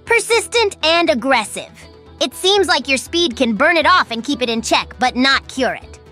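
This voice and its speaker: A woman's voice: high voice, big pitch swings, normal speed, pushed and bright, soft background music, exaggerated voice. A woman voicing an earnest, brainy little boy fox in a comic dub.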